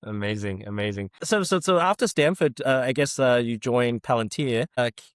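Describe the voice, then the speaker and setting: A man's voice: mid-range voice, expressive, clean tone, no room sound. Easygoing male podcast host, dry sound. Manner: friendly, halting with many fillers. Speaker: podcast host, fund founder. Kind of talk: casual interview.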